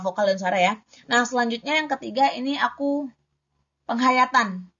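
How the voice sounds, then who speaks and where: A woman's voice: fairly high pitch, a bit bright. A young woman giving a casual spoken lesson on reading poetry, chatty, stumbling over the S-R sound and correcting herself as she goes. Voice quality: struggles with the S-R cluster. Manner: chatty, self-correcting, demonstrates sounds aloud. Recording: dull lo-fi home recording.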